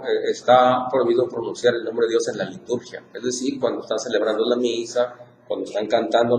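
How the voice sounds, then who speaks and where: A man's voice: medium pitch, dark tone. A man with a Mexican Spanish accent teaching an informal Bible class, repeating points and asking the group questions. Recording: echoey room with faint noise.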